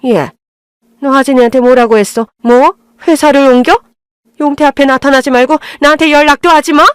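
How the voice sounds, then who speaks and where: A woman reading as a shrieking older mother-in-law in a radio drama, her voice climbing high and sharp as she berates her daughter-in-law. The sound is dry and close, with no room around it. She turns from scolding to wailing self-pity. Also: steady tone, normal speed, no echo, close to an everyday voice.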